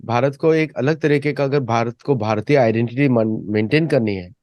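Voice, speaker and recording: A man hosting a discussion, talking in a measured, hesitant way with fillers. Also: mid-range voice, darkish tone, no room sound. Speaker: host.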